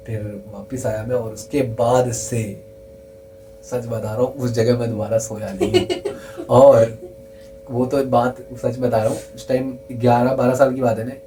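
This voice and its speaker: A young man earnestly telling a true scary story in casual chat, repeating himself for emphasis and dropping to a hush at the tense parts. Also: medium pitch, poor audio.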